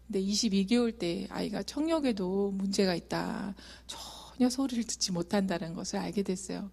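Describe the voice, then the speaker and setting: A middle-aged woman giving an emotional testimony sermon in a church, earnest and shifting between soft and loud. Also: mid-range voice. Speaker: guest speaker giving testimony. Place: church sanctuary.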